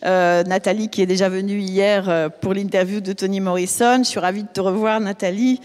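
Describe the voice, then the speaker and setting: A woman's voice: mid-range voice, steady tone, brisk, darkish tone. A woman hosting a book festival panel, introducing guests with many hesitations and fillers. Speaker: host. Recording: long hall reverb.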